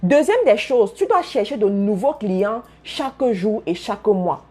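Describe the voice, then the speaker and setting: A woman's voice: mid-range voice, expressive, measured pace, a little mellow. A woman giving a motivational business talk to her followers, speaking emphatically, repeating key phrases and addressing listeners directly. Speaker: business coach.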